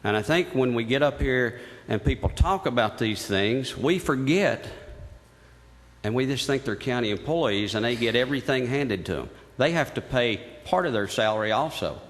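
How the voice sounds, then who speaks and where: A man's voice: mid-range voice, animated, moderate pace. A man giving public comment at a county meeting, speaking earnestly and appealing to the commissioners. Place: large county commission room. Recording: reverberant hall.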